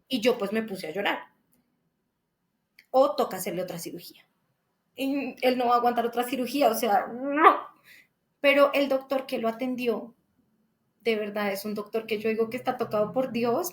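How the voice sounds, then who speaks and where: Emotional woman telling a family story. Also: a little high. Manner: emotional, faith-filled storytelling with frequent restarts. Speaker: daughter telling her father's story. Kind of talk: personal testimony.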